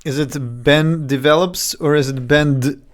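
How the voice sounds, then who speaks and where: A man from Serbia with a Serbian accent, chatting casually on a game development live stream into a desk microphone, halting and full of fillers. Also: fairly high pitch, fairly even intonation. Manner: halting, many fillers and restarts.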